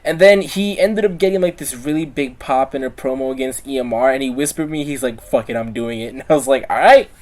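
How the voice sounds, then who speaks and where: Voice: mid-range voice, quick pace, few pauses, a little mellow. Profane, laughing interview host. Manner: profane, laughing, acts out quotes. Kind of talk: casual chat.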